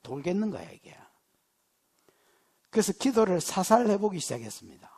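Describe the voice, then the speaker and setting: A man's voice: sits high, moderate pace, creaky, breathy edge. A middle-aged male pastor with a Gyeongsang dialect, preaching a sermon and telling personal stories with jokes aimed at the congregation. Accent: Gyeongsang Korean dialect. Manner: animated, joking storyteller who teases the congregation. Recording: long church hall reverb.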